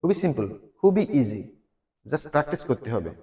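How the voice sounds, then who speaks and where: A man's voice: a little high, very animated, moderate pace, dark tone. A man with a Bangladeshi accent teaching a spoken English lesson, repeating each phrase again and again as a drill. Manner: drills phrases with many repetitions.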